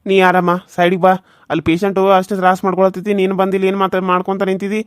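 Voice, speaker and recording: A man voicing a calm, businesslike village doctor who reassures matter-of-factly, with a North Karnataka Kannada accent. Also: high-pitched, racing, smooth, no room sound, studio quality, natural voice. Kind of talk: cartoon voice acting.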